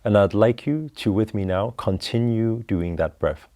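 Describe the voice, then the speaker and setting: A man leading a guided breathing meditation, talking slowly and calmly through each step. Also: fairly low pitch. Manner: slow, calm, instructive.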